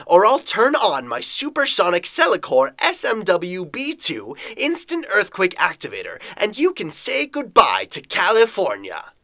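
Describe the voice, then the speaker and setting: A man's voice: high voice, wildly swooping pitch, measured pace, hardly any pauses, pushed and bright, no echo, clean studio sound, voice pushed up, full character voice. A man doing a cackling water-monster villain. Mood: gloating. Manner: cackling, taunting. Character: gloating male water-creature villain.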